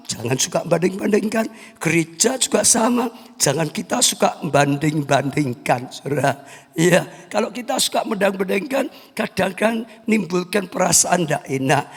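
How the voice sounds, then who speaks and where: Pastor, male, high husky voice, live sermon in a reverberant church hall. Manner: addresses congregation as "saudara", acts out quoted family members.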